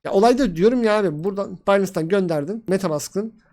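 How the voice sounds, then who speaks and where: A man's voice: high-pitched, fast, darkish tone. A young man, sick and tired, telling in a rambling, repetitive and frustrated way how he lost his crypto tokens. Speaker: crypto vlogger. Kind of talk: casual screen-share vlog.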